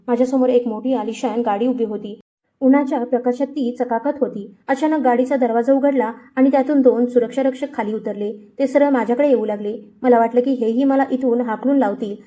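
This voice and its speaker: A woman's voice: on the high side, warm tone. A woman narrating a sorrowful first-person story in an earnest tone.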